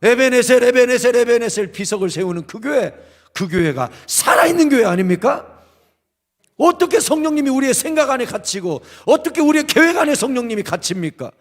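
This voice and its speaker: A middle-aged male pastor preaching to his congregation, with high and very lively swings in pitch. His voice has a gravelly edge. It carries a long reverb from the church hall. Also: brisk. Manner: emphatic, dramatic preaching that acts out quoted voices. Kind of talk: revival sermon. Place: church sanctuary.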